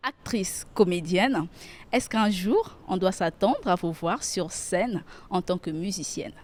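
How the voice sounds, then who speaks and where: A woman hosting a cultural magazine show, asking measured questions and reading announcements. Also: on the low side, lively intonation.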